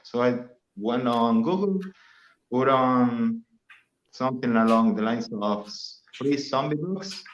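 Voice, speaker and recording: A man with an Argentine Spanish accent, a native Spanish speaker, chats casually as a guest on a livestream, telling loose stories with some swearing. His voice is medium-pitched and slow, and the audio is reverberant and dull.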